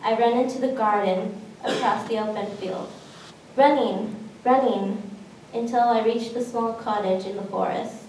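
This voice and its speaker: A woman with a slightly high voice reads a calm, detailed story in the present tense. Her voice comes from a distance and rings in a very echoey room, over faint noise. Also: measured pace. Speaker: performer reading a personal piece. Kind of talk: present-tense descriptive narration.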